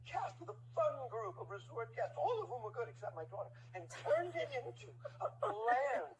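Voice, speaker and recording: A man's voice: extremely high pitch, big pitch swings, moderate pace, very noisy. An actor playing an opinionated older theater critic who is a stern father and speaks in a blunt, pompous way. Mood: indignant.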